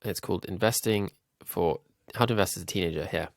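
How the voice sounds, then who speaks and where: A man's voice: low voice, fast, vocal fry, no echo, studio quality. A man with a nasal, slightly ill voice, thinking aloud with frequent ums while walking through a design tutorial. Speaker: YouTube growth coach. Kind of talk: screen-recorded design tutorial.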